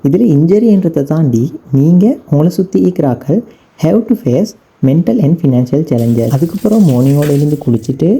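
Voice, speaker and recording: Calm young sri lankan tamil guy narrating his vlog, husky breathy voice, mixes in english. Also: a little high, moderate pace, rough recording. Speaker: vlogger. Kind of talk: voice-over narration of a personal vlog.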